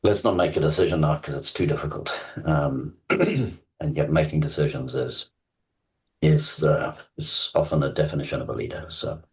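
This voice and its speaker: A man's voice: a bass voice, moderate pace, darkish tone, rough recording. A South African man in his fifties, an executive coach talking reflectively as a guest, with many fillers and restarts. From Zambia and Zimbabwe. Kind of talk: conversational interview.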